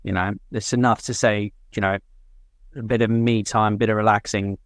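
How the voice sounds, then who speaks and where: A man co-hosts a relaxed podcast chat in a fairly low voice. He talks loosely, laughs easily and drops casual swear words. The sound is dry and close. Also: moderate pace, dry recording. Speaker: podcast co-host.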